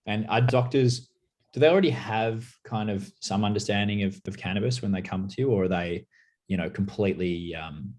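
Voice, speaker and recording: A man co-hosts a podcast, asking a long, searching question with restarts and pauses. His voice is fairly low for a man. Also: a little mellow. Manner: hesitant, searching for words. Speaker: podcast co-host. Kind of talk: casual interview questions.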